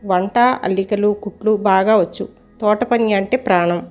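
A woman's voice: mid-range voice, moderate pace, darkish tone, natural voice. A woman voicing a protective elder brother who answers matter-of-factly, in a storybook reading. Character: grown man, plain protective elder brother.

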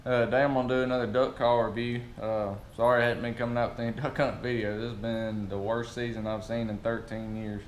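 A man's voice: medium pitch, level tone, fast talker, few pauses. A man in his thirties with a Southern US accent, giving a casual product review to camera in a workshop. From southern United States. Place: large metal-roofed workshop or garage, indoors. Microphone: camera at about arm's length or farther. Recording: echoey metal-roofed room with noise.

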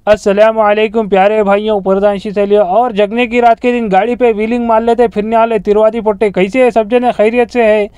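A man's voice: high-pitched, level tone, fairly quick, few pauses, darkish tone, clean tone, no echo. A man with a Hyderabadi accent hosting a comic dubbed interview, full of greetings and street banter. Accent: Hyderabadi Deccani. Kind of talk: comic dub in dialect.

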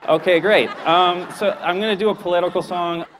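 A man's voice: sits high, fairly even intonation, brisk, a bit bright. A man doing a live stand-up set on stage, chatty and awkwardly self-deprecating. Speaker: stand-up comedian and variety act. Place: TV comedy stage before a live audience. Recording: live audience crowd noise.

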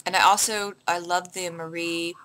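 A chatty young woman from Canada answering beauty questions in a casual vlog. Her voice is fairly low-pitched yet bright and forward, and she rambles through fillers and restarts. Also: fairly even intonation, moderate pace. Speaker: beauty vlogger.

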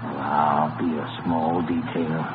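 A joking Texan adventurer on old-time radio. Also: male voice, extremely low pitch, little pitch movement, slow pace. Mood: bantering. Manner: folksy, wisecracking banter. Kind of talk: old radio show drama acting. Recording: scratchy old-time radio broadcast, tinny, echoey, hissy.

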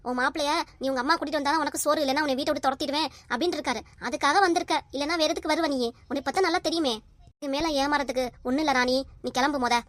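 A woman's voice: sits high, racing, fairly bright tone, dry recording. A woman voicing a stern, angry older mother who harshly scolds her daughter in a cartoon comedy. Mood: scolding.

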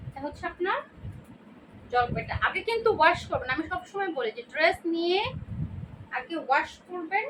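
A woman's voice: extremely high pitch, lively intonation, normal speed, long pauses, a bit bright. A Bangladeshi woman with a Bengali accent casually showing off dresses for sale online, chatty and repeating prices and colors. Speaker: online clothing seller. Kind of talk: casual product showcase. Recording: distant mic with noisy background.

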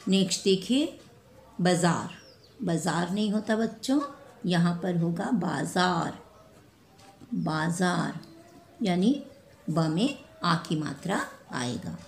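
A woman teaching a spelling lesson to children, repeating each word slowly and correcting mistakes one by one. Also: fairly low pitch, expressive. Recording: echoey room with faint ambient noise.

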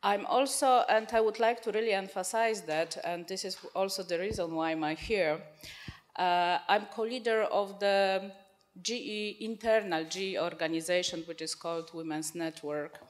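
A woman in her forties speaks on a conference panel at a medium pitch. She holds a handheld mic, and her tone is earnest, with occasional repeated words as she searches for phrasing. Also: steady tone, moderate pace. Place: conference hall with audience. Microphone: handheld microphone.

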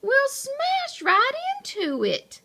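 A woman voicing a worried hamster who frets out loud. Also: sits high, very animated, extremely slow, gravelly, full character voice.

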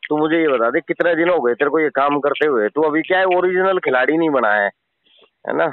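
On a recorded phone call, a scam-baiter with a fairly high voice confronts a caller over a narrow, tinny line. He argues casually, probing and repeatedly insisting on being heard, speaking briskly with slight background noise.

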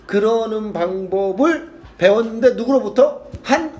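Man, high and animated, crude classroom English teacher who reads aloud then translates. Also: unhurried. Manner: blunt and crude, swearing and joking with students. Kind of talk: casual classroom lecture.

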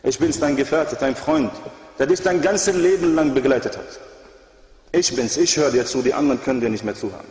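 A man's voice: mid-range voice, fairly quick, a little mellow, natural voice. Devil as a whispering false friend, a man reads him out in a sermon; long hall reverb. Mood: coaxing.

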